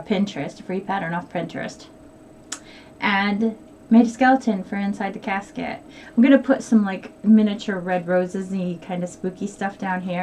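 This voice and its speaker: A woman's voice: mid-range voice, darkish tone, distant mic, a little hiss or hum. An older woman chatting casually as she shows off her finished crafts, rambling a little and laughing often. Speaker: crafting vlogger. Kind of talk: casual show-and-tell chat.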